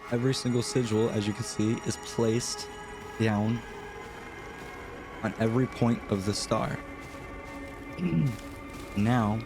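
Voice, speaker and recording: Congested nasal man in a game walkthrough. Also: lowish voice. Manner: casual, unsure, hedging asides. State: congested from a cold. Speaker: gaming channel host. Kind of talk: casual game walkthrough voice-over.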